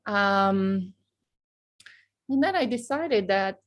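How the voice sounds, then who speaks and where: A woman's voice: medium pitch, lively intonation, extremely slow. A middle-aged woman from Romania, a professor, telling her story as a guest in an outgoing, boisterous way. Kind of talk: casual interview chat.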